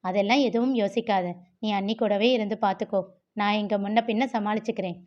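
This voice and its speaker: A soft-spoken husband, worried but reassuring, as a woman reads him aloud from a novel. He speaks calmly and evenly, with no deep voice put on. The sound is a little dull and lo-fi. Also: quick pace, close to an everyday voice.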